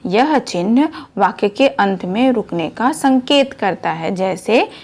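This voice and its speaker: A woman's voice: mid-range voice, lively intonation, slow, a little mellow. A woman teaching a children's grammar lesson, explaining patiently step by step.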